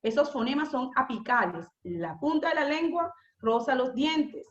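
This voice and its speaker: A woman lectures a class in a high, bright-pitched voice. She explains patiently, slows down to repeat key terms and checks in with rhetorical questions. The room rings with echo, and the recording sounds a little dull and lo-fi. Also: animated. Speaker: teacher.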